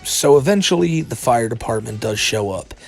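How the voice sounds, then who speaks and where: Guy doing casual drama commentary, sarcastic, kinda in disbelief, medium pitch voice. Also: animated, moderate pace, vocal fry, husky, soft background music. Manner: sardonic, incredulous. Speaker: commentary video narrator.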